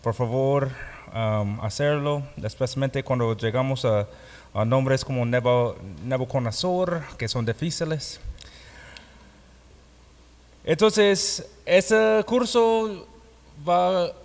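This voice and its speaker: Here the non-native Spanish-speaking pastor and Bible teacher has a medium-pitched voice and a foreign accent while explaining a course to students in a classroom or hall. His delivery is unhurried and halting with some learner's grammar slips, and the room's long reverb leaves the audio echoey.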